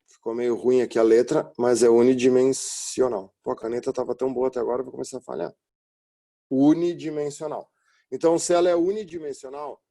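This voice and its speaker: A man's voice: fairly high pitch, darkish tone. A man teaching a recorded physics lesson, talking informally and explaining step by step by asking and then answering his own questions. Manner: informal and encouraging, with frequent tag questions. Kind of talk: recorded classroom lecture.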